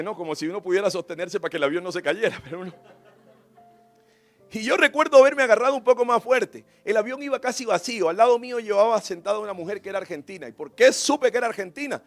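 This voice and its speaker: High-voiced, impassioned male preacher. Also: animated, quick pace, no echo, faint music behind. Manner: impassioned preaching, storytelling with rising emphasis. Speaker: pastor. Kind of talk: sermon. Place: church.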